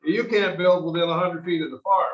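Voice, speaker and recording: A man's voice: high-pitched, fairly even intonation, brisk, roomy sound. Man on a choppy, cutting-out call. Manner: hesitant, thinking aloud with fillers. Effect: choppy audio cutting out over a weak connection. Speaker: town board member. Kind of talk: workshop meeting discussion. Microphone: video call. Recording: dull, choppy video call audio.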